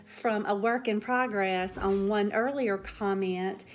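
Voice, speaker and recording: A woman with a Southern US drawl, chatting gently to her viewers as the host of a home cooking channel. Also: mid-range voice, steady tone. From Southern United States. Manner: gentle, slow, warm storytelling drawl. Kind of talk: casual chat to viewers.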